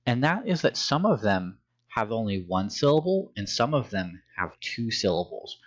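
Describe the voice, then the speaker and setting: A man's voice: fairly low pitch, no room sound, highs cut off. A man teaching a phonics and reading lesson to young children, with patient, encouraging instructions.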